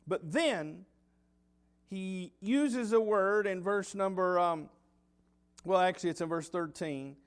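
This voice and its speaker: A middle-aged man with a Southern US accent preaching a sermon as pastor, swinging from loud emphasis to quiet low asides. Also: clear, resonant tone. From United States. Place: church sanctuary.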